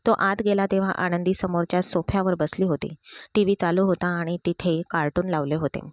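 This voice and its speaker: A woman narrating a storybook tale in an even, steady reading. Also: fairly low pitch, brisk, no echo.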